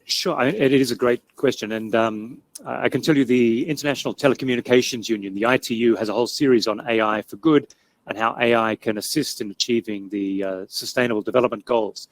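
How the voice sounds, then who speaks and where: A man on a panel giving a measured, fluent answer to an audience question. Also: medium pitch.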